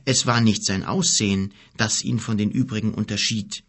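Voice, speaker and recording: A man narrating a fantasy audiobook in a measured, expressive way. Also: fairly low pitch, slightly rough.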